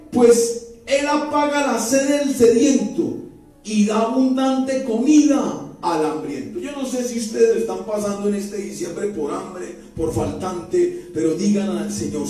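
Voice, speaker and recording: High-voiced pastor in an echoey hall. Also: male voice, a little mellow. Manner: conversational preaching with rhetorical questions to the congregation. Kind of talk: sermon. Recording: very echoey church hall from far off, faint music.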